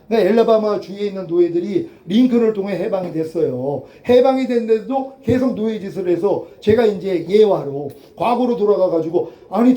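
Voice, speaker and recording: A man's voice: high-pitched, mellow, roomy sound. A male pastor preaching a sermon emphatically, firing rhetorical questions and acting out quoted voices.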